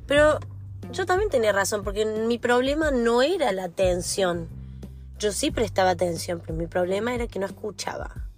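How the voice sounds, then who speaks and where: A woman's voice: medium pitch, lively intonation, moderate pace, faint music behind. A woman in her twenties with a Rioplatense Spanish accent, hosting her own podcast and talking in a chatty, confiding way straight to the listener. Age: 20s. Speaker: podcast host. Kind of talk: personal podcast monologue.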